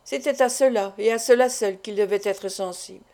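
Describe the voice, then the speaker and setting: A woman reading a classic novel aloud as an audiobook narrator, in a measured, literary way. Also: medium pitch, a little mellow. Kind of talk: scripted narration.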